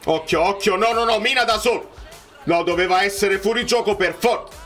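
A young man reacting live to a football match, cheering players and shouting at missed chances. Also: sits high, fairly quick, faint music behind. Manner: excitable, swings from muttering to shouting at plays.

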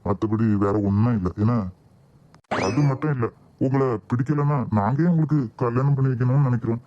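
A kindly old grandfather, as a man puts him on reassures the young bride in a homemade cartoon. The voice is mid-pitched and mellow with a Kanyakumari Tamil accent, steady and fatherly. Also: brisk, muffled recording, slight background noise, lightly acted. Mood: reassuring. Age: older.

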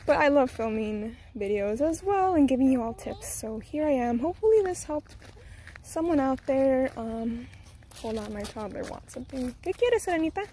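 Out in a garden, a young vlogger and mother chats casually into her camera mic, a bit out of breath and slightly flustered, sharing tips. Her voice is a touch high with a dark tone, lively intonation and normal speed, and she slips into a high sing-song when coaxing her toddler. A faint outdoor hiss lingers beneath her talk.

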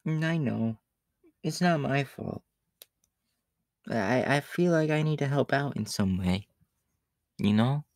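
A man voicing a shy, gentle young catboy in a soft, hesitant ASMR role-play for an audio story. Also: medium pitch, lively intonation, takes it slowly, pauses often, no room sound, clean studio sound. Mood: hesitant, sweet. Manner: hesitant, bashful, soft-spoken with nervous giggles.

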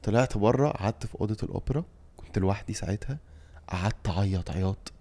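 A man's voice: lowish voice, racing, mellow. A young Egyptian man telling a story vividly and emotionally, with emphatic repeats, as a guest on a podcast. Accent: Egyptian Arabic. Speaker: guest singer and actor. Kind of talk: animated storytelling in a podcast chat.

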